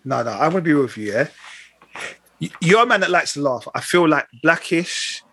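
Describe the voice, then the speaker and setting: Husky man with a Leicester accent. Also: fairly high pitch, animated, normal speed, fairly bright tone. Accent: Leicester, English. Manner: slangy British street speech. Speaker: podcast host. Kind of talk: casual chat.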